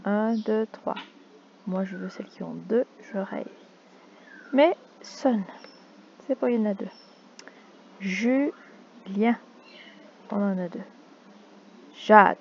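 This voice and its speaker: A woman leads a lesson for small children, stretching each word out slowly and with care. Her voice is warm and dark with a gravelly grain. The recording is dull and lo-fi, with faint noise behind her. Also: medium pitch. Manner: slow and deliberate, stretching key words, spelling out syllables. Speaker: teacher. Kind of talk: slow classroom instruction for young children.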